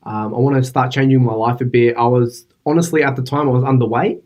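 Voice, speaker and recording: A man, talking in a relaxed, easygoing way as a podcast guest in an office. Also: mid-range voice, quick pace. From Iraq, raised in western Sydney. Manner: relaxed, easygoing, some restarts. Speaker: guest bodybuilder and engineer. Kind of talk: casual interview.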